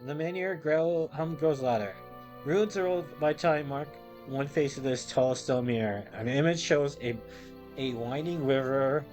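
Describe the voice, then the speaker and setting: A man's voice: a little high, unhurried, a little mellow. A tired man hosting a let's play, reading the game's text aloud with hesitations. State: tired, yawning. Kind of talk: reading game text aloud while playing. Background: game music.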